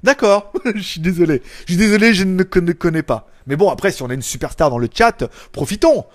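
A man chatting casually on a live stream, reading viewers' comments and joking, loud one moment and mumbling the next. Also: sits high, animated, fairly quick. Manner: loud, jokey, trails off into mumbles and chuckles. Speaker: tech YouTuber hosting a live stream. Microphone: small clip-on mic.

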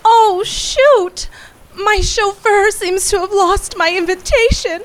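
A woman putting on an overdone, helpless high-society lady. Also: slow. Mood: fake distress. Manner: theatrical, mock-distraught.

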